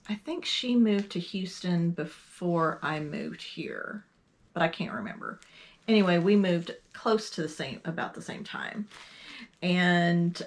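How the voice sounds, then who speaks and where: A woman from Texas co-hosting a casual podcast, chatting slowly with frequent ums and trailing sentences. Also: fairly low pitch. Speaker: podcast co-host. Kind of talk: casual knitting podcast chat.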